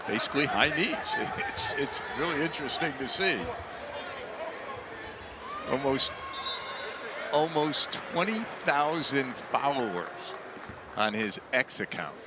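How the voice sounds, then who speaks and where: A man giving chatty, folksy color commentary on a live basketball game. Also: mid-range voice. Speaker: color commentator, former coach. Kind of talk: conversational live basketball analysis. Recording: noisy arena, loud crowd behind.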